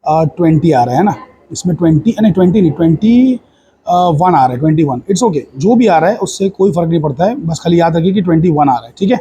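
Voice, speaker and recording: A man's voice: a little high, warm tone, slight background noise. A man teaching a physics lab in Hindi mixed with English, with an Indian accent. He explains step by step and keeps checking that the class follows. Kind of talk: hands-on lab demonstration.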